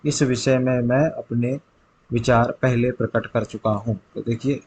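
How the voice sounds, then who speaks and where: A man's voice: medium pitch, steady tone, measured pace, a little mellow, slight background noise, rough recording. A man tutoring for exams, reading multiple-choice grammar questions aloud and then stating which answer is correct. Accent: Hindi, north India. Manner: reads options, then states the answer. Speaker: exam tutor.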